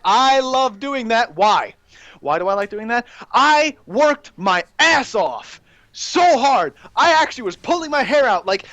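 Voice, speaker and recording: Young guy ranting about games, high voice swinging all over, dry close sound, gets loud and worked up. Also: dry recording, highs cut off. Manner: excitable, rambling, bursts into shouting. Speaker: gaming channel host ranting. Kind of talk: gaming rant while playing.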